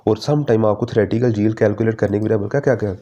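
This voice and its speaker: A man walks students through a chemistry syllabus in a fatherly tone. His voice is mellow and dark, and he slows down when he reads out the English syllabus lines. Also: on the low side, highs cut off. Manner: fatherly, calls students "beta", mixes English terms. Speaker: chemistry teacher. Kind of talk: exam-prep syllabus lecture.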